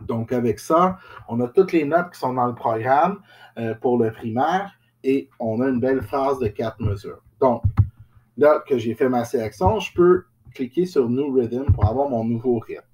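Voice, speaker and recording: Slow, patient man teaching rhythm reading. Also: mid-range voice, darkish tone, a little hiss or hum. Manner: patient step-by-step explaining, counting beats and chanting rhythm syllables. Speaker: music teacher. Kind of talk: recorded music lesson.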